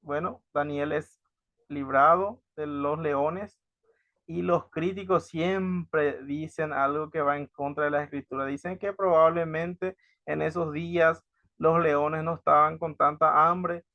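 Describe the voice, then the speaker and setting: A man's voice: fairly high pitch, fairly even intonation, a little slow, sharp tone, dry recording, highs cut off. A man teaching from the Bible, reading verses aloud and then explaining them, often asking his listeners for agreement. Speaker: preacher.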